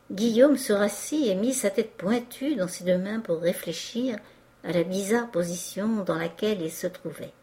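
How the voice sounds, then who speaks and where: Mellow-voiced woman reading a novel. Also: mid-range voice. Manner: measured, expressive storytelling. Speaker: audiobook reader. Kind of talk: literary narration.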